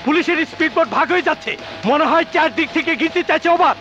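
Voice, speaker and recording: A gang lookout heard over a walkie-talkie radio, reporting in quick, urgent bursts. His voice sits very high and races along. The film audio is dull and lo-fi, with music playing loudly underneath.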